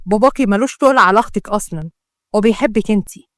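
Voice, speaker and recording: A woman's voice: mid-range voice, rapid-fire, dry recording, studio quality, voice pushed down, lightly acted. A woman voicing a sly, scheming young man with an Egyptian accent, smug and coaxing.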